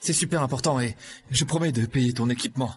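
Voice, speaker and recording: A man's voice: mid-range voice, fast, a little hiss or hum, natural voice. Man voicing a lying, wheedling young schemer. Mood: smug. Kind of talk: French-dubbed drama.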